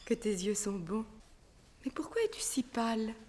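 An actress playing a fragile, frightened young female circus rider, breathy and often dropping to a whisper. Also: fairly high pitch, unhurried, darkish tone. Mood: playful. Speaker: Consuelo. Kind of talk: 1960s French radio drama acting.

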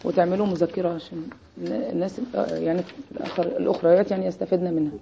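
A woman's voice: on the low side, flat delivery, racing, gravelly, warm tone, highs cut off, slight background noise. An Egyptian woman teaching an Arabic grammar lesson, constantly quizzing her students with repeated "what?" prompts. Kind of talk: Arabic grammar lesson with call-and-response questions.

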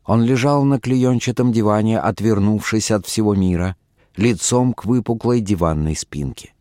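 Male audiobook narrator, lowish voice, measured and ironic, dry close-mic sound. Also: dark tone, dry recording.

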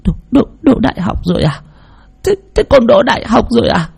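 A man voicing an elderly poor village mother in a high, strained falsetto, with music underneath. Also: sing-song, fairly quick, vocal fry, darkish tone, breathy edge, exaggerated voice. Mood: stunned.

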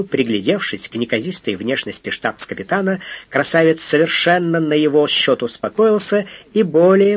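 A male audiobook narrator reading a detective novel in a measured, expressive way. His voice is slightly husky, and the recording is dry and a little muffled. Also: medium pitch, no echo. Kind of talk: scripted literary narration.

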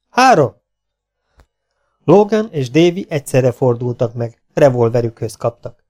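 Steady male audiobook reader. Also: mid-range voice. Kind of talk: reading a western novel aloud.

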